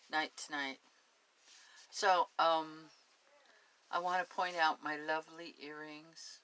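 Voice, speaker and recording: Woman with a Spanish accent reading aloud; bright, forceful tone, relaxed and digressive between passages. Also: low voice, poor audio. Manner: chatty, digressive, homey. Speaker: story reader. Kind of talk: reading a story aloud with chatty asides.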